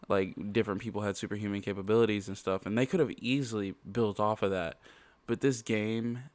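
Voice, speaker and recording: A man's voice: on the low side, fairly even intonation, fairly quick, a little mellow, no echo. A man with a congested nose giving a casual, rambling game review full of "like" and restarts, ranting about what let him down. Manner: rambling, ranting, heavy use of "like".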